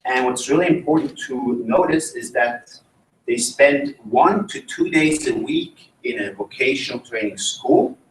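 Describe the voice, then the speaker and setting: A Swiss man delivers an academic conference talk and poses questions to the audience in an engaging way. His voice is medium-pitched, picked up by a distant mic in a roomy conference room, with slight background noise.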